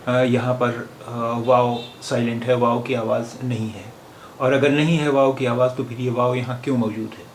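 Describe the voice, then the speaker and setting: A man teaching a language lesson, explaining patiently and pausing often with filler sounds as he thinks aloud. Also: medium pitch. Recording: roomy with faint background noise.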